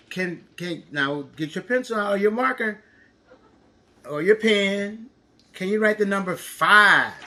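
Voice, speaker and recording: A man's voice: high voice, sharp tone. A man teaching an interactive counting lesson to young children, encouraging, with exaggerated reactions and lots of questions.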